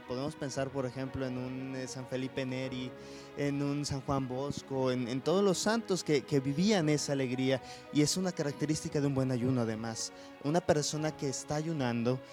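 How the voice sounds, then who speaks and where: Earnest man explaining faith, mid pitch. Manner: earnest and explanatory, with some fillers. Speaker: co-host.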